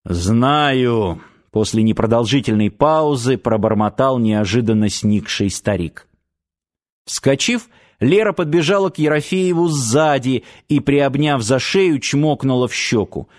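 A man reading an audiobook in a measured storytelling narration. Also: mid-range voice, expressive, darkish tone. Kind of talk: scripted narration.

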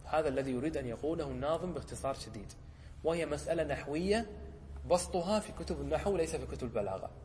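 Male teacher, quick speech, fairly high voice, checks his students understand, long reverb. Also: expressive, a little mellow. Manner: asks the class short checking questions; slows down to quote examples. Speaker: sheikh teaching Arabic rhetoric. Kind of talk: lecture explaining a teaching poem.

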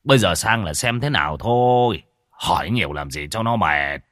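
A man voicing a gruff, greedy old village shaman who scolds and curses as he orders people around. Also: sits low, animated, moderate pace, a bit bright, dry recording, clean studio sound. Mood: dismissive. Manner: bossy, scolding, curses freely.

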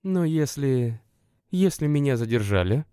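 A man reading aloud voices a gentle, pleading young woman visitor in a spoken story. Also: mid-range voice, animated, a little slow, clean tone, dry recording, studio quality, pitched above the performer's own voice, lightly acted. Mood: coaxing. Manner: soft, pleading, lilting.

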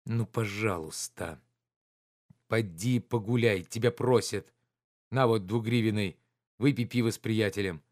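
A man's voice: lowish voice, a little slow, darkish tone, no room sound, clean studio sound, natural voice. A man reading the part of an agitated nobleman urgently ordering his servants about. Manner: urgent, pressing, commanding.

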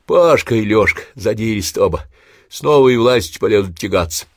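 A man voicing a coarse, grumpy old man in his eighties who is dying, talking gruffly in short, breathless phrases. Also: fairly low pitch, expressive, brisk, no echo, studio quality, pitched above the performer's own voice. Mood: grumbling.

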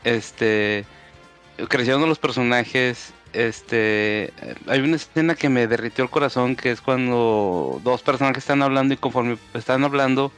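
A man's voice: medium pitch, measured pace, a bit bright, faint music behind. A man on a casual podcast, giving long enthusiastic explanations full of fillers. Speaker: podcast co-host. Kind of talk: casual chat.

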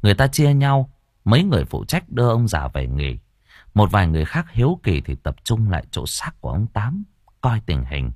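A man narrating an audio novel with expressive storytelling. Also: fairly low pitch, fairly quick, slightly rough, no room sound, clean studio sound.

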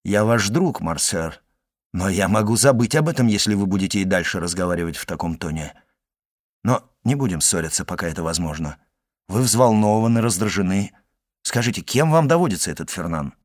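Man reading a male journalist, genial, wry, low voice, lively inflection, audiobook. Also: a little fast. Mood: calm.

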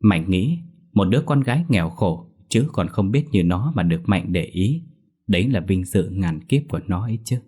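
A man narrating a scripted horror story in a steady, measured storyteller's delivery. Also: low voice, slightly rough.

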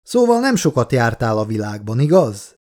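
A man's voice: mid-range voice, very animated, a little mellow, close to an everyday voice. A male audiobook reader voicing a young woman environmentalist who asks curious, direct questions.

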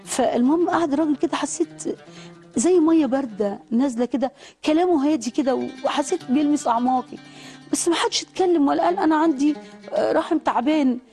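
A woman's voice: high-pitched, fast talker, warm tone, soft background music. A woman with an Egyptian accent telling a fervent, prayerful personal testimony. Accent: Egyptian Arabic. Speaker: guest giving testimony.

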